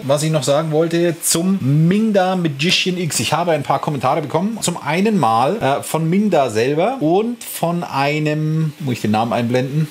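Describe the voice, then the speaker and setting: A man in his thirties chatting casually to camera from his home workshop, rambling with self-mocking asides. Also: a little high. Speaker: 3D printing channel host. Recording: faint printer noise in room. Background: faint 3D printer hum.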